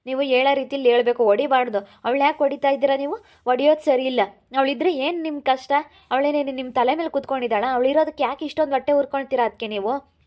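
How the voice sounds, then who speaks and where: A woman's voice: high-pitched, steady tone, fast talker, dull audio, natural voice. A woman playing a middle-aged uncle who firmly defends his niece in an amateur family drama. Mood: scolding. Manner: firm, scolding, then protective.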